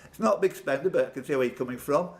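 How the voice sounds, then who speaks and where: Talking fast in a medium pitch, a pub quiz host reads out questions and banters with contestants by name. The live room is full of clear ambient noise.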